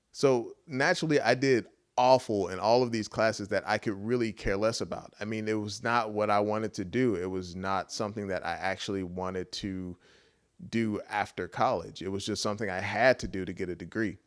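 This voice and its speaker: An American man in his late thirties tells a personal story to viewers in a casual, conversational way with wry rhetorical asides. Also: on the low side. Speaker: YouTube vlogger and software engineer. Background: background music.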